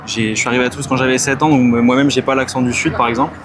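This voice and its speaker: A man answering a street interview, halting and searching for words. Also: medium pitch, steady tone, crowd noise. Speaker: passerby.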